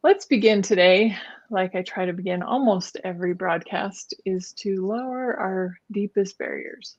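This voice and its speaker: A woman hosting a podcast, who opens with a soft guided meditation and speaks of her guest in gushing terms. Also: medium pitch, a little slow, lo-fi sound. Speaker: podcast host. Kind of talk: podcast interview.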